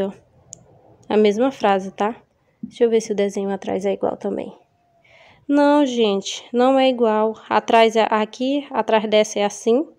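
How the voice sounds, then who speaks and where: A woman's voice: mid-range voice, warm tone. A woman with a São Paulo Brazilian accent, chatting casually to her viewers at home as she shows off products she bought to sell. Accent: Brazilian Portuguese, São Paulo. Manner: chatty, addresses viewers as gente, upbeat. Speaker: vlogger selling gift kits. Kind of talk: casual show-and-tell vlog.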